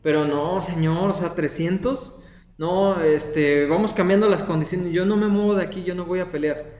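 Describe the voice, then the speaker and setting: A preacher playing a stubborn, pleading Gideon. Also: male voice, high-pitched, fairly even intonation, moderate pace, a little mellow, echoey room, highs cut off, lightly acted. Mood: pleading refusal. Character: doubting biblical man bargaining with God.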